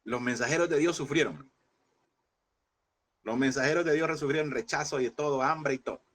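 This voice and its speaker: A man's voice: a little high, moderate pace, a bit bright. A man teaching a Bible class in a preaching style, emphatic and repeating phrases, often calling listeners brother.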